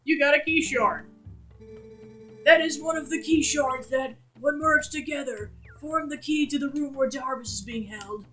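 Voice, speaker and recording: A streamer putting on a slow, soft old man voice for a kindly elder of a rock-like tribe in a video game. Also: high voice, faint music behind, voice pushed up. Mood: earnest. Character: old male rock-folk elder, kindly, creaky back. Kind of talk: reading game dialogue aloud.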